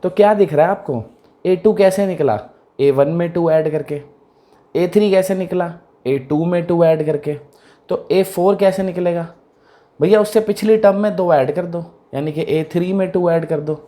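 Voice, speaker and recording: Mellow-voiced man teaching math. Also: sits high, normal speed. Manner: conversational, repeats questions to check understanding. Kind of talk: explaining a math lesson to students.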